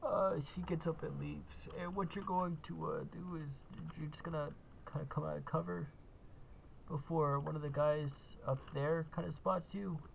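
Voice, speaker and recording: Male game host, walkthrough, gravelly and a bit high, relaxed and rambling. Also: normal speed, slight background noise. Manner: laid-back, lots of uh and kinda. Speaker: gaming video host. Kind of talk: casual gameplay walkthrough.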